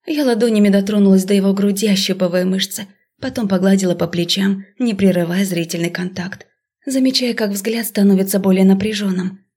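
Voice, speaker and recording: A woman reading a first-person fantasy novel aloud, speaking expressively and dropping to a hush in intimate passages. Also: medium pitch, fairly quick, husky. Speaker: audiobook narrator.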